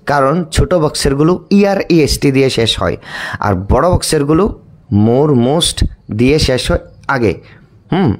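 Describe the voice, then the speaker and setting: Man, English teacher, grammar lesson, very animated pitch, asks and answers himself, drawn-out example words. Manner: stretches out words, spelling and repeating them slowly; frequent fillers and restarts, asking and answering his own questions. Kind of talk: explanatory lesson.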